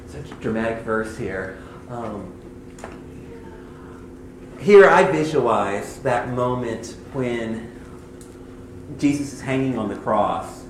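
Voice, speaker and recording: Man teaching in an echoey room. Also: medium pitch. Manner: conversational, reads scripture slowly. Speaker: Bible teacher. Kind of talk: devotional teaching on hymn lyrics. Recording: echoey room, faint background noise.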